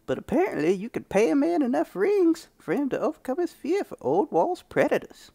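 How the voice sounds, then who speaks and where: A man voicing a grizzled old male prospector who leads a frontier town, with a slow, drawling storyteller manner. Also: extremely high pitch, wildly swooping pitch, gravelly, dark tone, no room sound, pitched above the performer's own voice, exaggerated voice. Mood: reminiscing.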